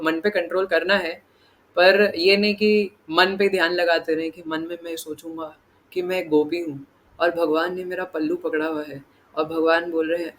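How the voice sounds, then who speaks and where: A man's fairly high, slightly bright voice carries a chatty, informal scripture class. As a devotional teacher, he repeatedly checks in with "right?" and voices inner dialogue aloud.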